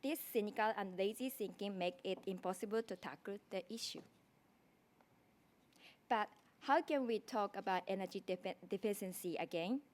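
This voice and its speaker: Presenting her design thesis, a young graduate student with a strong Japanese accent delivers prepared remarks carefully, restarting often. Her voice has a medium pitch and she talks at normal speed.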